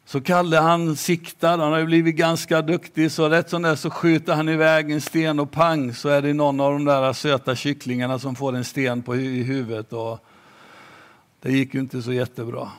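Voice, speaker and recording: Slow, emphatic male preacher. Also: a little high, flat delivery. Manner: slow and emphatic, dropping to near-whispers. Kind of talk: sermon.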